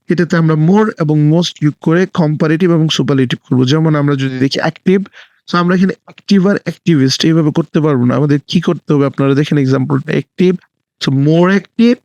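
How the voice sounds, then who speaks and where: A man's voice: a little high, darkish tone, no room sound. A man teaching a grammar lesson in a slightly raised voice. He checks in with his listeners through frequent rhetorical questions and drops English terms into the explanation. The sound is close and dry.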